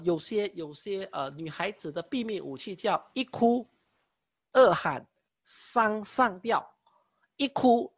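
A woman preacher telling a testimony in her sermon, animated, often laughing and mock-wailing as she tells it. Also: mid-range voice, breathy edge, no echo.

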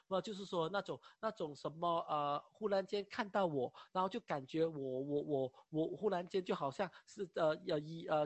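A woman preacher telling a testimony in her sermon, animated, often laughing and mock-wailing as she tells it. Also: fairly low pitch, breathy edge, dry recording.

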